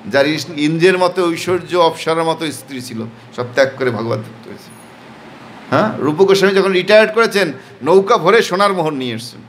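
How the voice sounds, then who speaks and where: A man's voice: a little high, a bit bright, a little hiss or hum. Bengali-accented man preaching, rhetorical questions. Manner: rhetorical questions, answering himself with emphatic repeated "yes"; leads crowd in call-and-response chanting. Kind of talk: devotional sermon.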